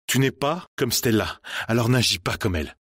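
A man's voice: mid-range voice, animated, moderate pace, a bit bright, slightly rough, no echo, studio quality. A man voicing an earnest young man urgently pleading with a friend in an audiobook.

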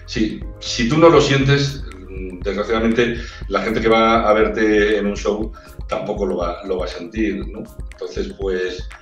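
Steady and measured, with a fairly low pitch, a Spanish man in his forties speaks with a Castilian accent. He's an opera-trained ranchera singer chatting casually as a guest on a video call interview, hunting for words and repeating them. The echoey brick-walled room, his distance from the mic and faint background music all come through.

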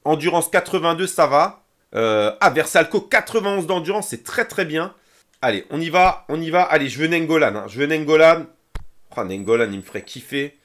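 A young man streaming a football video game, commenting on pack openings in a casual, excitable way, chanting and shouting when cards are revealed. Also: a little high, normal speed. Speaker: gaming streamer.

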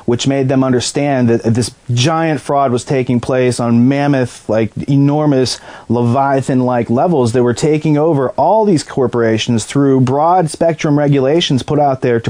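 A man's voice: mid-range voice, mellow. A man giving long, earnest interview answers as a whistleblower, often restarting mid-sentence. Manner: long run-on explanations with repeated restarts.

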